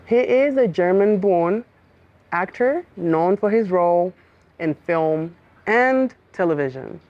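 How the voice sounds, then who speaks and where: A woman hosts a podcast, reading her introduction from a script before she puts questions to her guest. Her voice sits on the low side for a woman. The recording sounds dull and lo-fi. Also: expressive, slow pace, dry recording. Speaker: podcast host.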